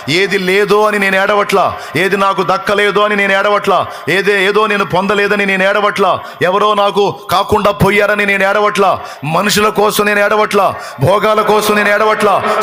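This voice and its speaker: A man's voice: sits high, pushed and bright, pitched above the performer's own voice. A preacher voicing a grieving devoted young woman. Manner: fervent, repetitive lament. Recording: long hall reverb.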